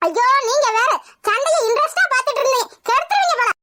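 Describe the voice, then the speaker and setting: A nosy, chattering village neighbor, played by a woman in a cartoon. She gossips. Her voice is very high and bright. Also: lively intonation, quick pace, a little hiss or hum, exaggerated voice. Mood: gossipy. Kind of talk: cartoon voice acting.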